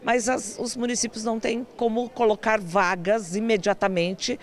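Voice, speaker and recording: A woman's voice: fairly high pitch, fairly even intonation, moderate pace. A woman giving an explanatory interview soundbite into a handheld mic in an auditorium. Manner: explanatory, with "né" tags.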